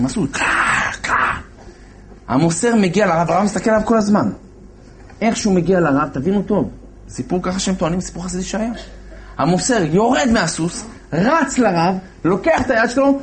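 Animated male storyteller, voice on the high side. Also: a little hiss or hum. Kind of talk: storytelling sermon.

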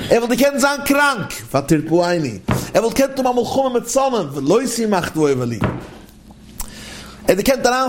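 A man gives a Torah lesson on the Psalms. He chants each verse in a lilting singsong and then explains it in a lively way. His voice sits a touch high for a man. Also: slight background noise. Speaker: Torah teacher.

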